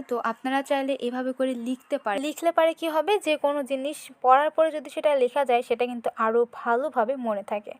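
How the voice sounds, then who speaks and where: A woman teaching Quran letter pronunciation step by step, patiently repeating each sound for beginners to follow. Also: high-pitched. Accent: Bangladeshi Bengali.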